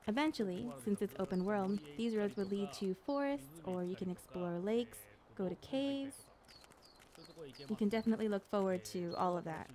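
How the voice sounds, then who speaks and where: Female dub narrator, mid-pitched, casual developer-style commentary over gameplay. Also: dark tone. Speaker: English dub narrator speaking a game director's commentary. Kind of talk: casual walkthrough commentary on a video game.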